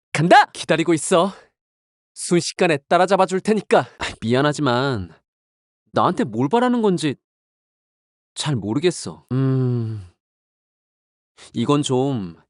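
Recorded dry and close, this is a charming young racer from a game. He flatters with a smooth, teasing, unhurried delivery that swings widely in pitch. Now and then he breaks into sharp battle shouts. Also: no room sound. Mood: challenging, then cool displeasure. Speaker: voice actor. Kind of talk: game character voice lines.

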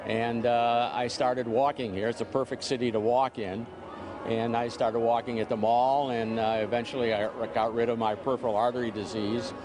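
A man in his seventies from central New York, answering interview questions in a plain, steady way, into a handheld mic in a shopping mall. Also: mid-range voice, moderate pace. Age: 70s. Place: large indoor shopping mall. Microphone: reporter's handheld mic. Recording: music in background.

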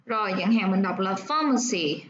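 A woman teaching nursing English, explaining step by step and repeating words slowly to show where the stress falls. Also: mid-range voice, expressive, a bit bright, highs cut off, slight background noise.

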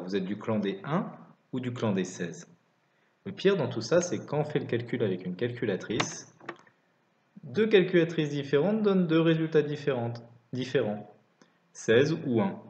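A man's voice: mid-range voice, a little mellow. A man teaching maths in a scripted lesson narration, dictating calculations piece by piece. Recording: roomy, slightly dull recording.

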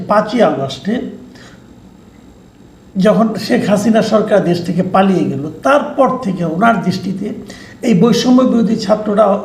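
A man delivering measured political news commentary, explaining events and reading out quotes. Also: high voice, darkish tone, echoey room.

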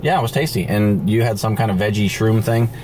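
A middle-aged man with a lowish voice narrates his travel vlog, talking straight to a camera held at arm's length. He is chatty and upbeat. Street and car noise sits clearly under him. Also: fairly quick, a little mellow. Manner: upbeat, chatty, talks straight to the camera while walking and driving. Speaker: RV travel vlogger. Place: outdoors in a town and inside a car. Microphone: handheld camera, arm's length. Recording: noisy outdoor and car ambience.

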